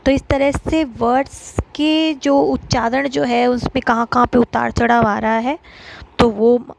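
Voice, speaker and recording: A woman with a somewhat high voice teaches an exam-prep lesson. She explains patiently, step by step, pausing often on fillers. A faint hiss of noise sits under the recording. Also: steady tone, creaky, a little mellow, poor audio. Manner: explanatory, many filler pauses.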